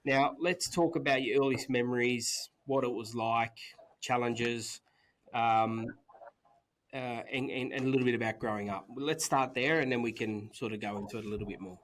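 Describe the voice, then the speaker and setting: Male host, mid-pitched voice, warm encouragement, casual. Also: normal speed, slight background noise. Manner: friendly, encouraging, says mate a lot. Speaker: podcast host. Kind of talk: casual chat.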